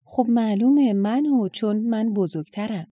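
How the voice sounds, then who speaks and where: A woman's voice: on the low side, dark tone, no room sound, clean studio sound, natural voice. A woman voicing a headstrong, proud young bride in a storybook folktale, speaking in a brash, dismissive way. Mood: haughty, defiant.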